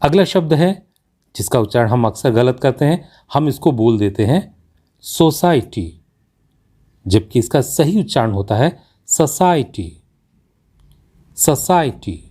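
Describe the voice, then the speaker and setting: A man with an Indian accent teaching English pronunciation in a slow classroom explanation, reading example sentences very carefully. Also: medium pitch, animated, mellow.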